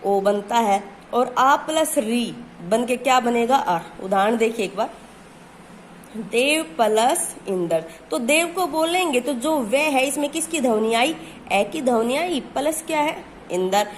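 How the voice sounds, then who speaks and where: A woman's voice: fairly high pitch, moderate pace, a little hiss or hum. A woman teaching a grammar lesson, who asks questions and answers them herself and stretches out key words.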